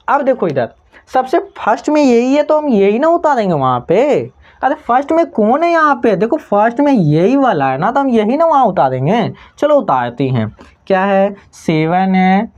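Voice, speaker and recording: A woman with a Bhojpuri-tinged Hindi accent teaches a math lesson, and her pitch swings widely from phrase to phrase. She keeps pausing to ask whether the class has understood. The recording sounds slightly dull and lo-fi. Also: darkish tone. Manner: keeps checking understanding with repeated questions.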